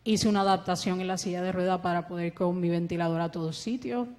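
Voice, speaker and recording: A woman speaks quickly in a low, steady, darkish voice, giving a sincere testimony at church with a Puerto Rican Spanish accent. A ventilator supports her breathing as she performs the dialogue of her story, and the hall's long echo is clearly heard.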